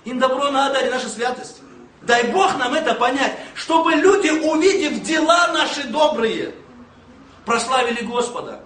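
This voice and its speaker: A man preaching a sermon, emphatic and storytelling with humor, bursting into shouts at times. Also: very high-pitched, normal speed. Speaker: pastor. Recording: echoey room, mic at a distance, faint noise.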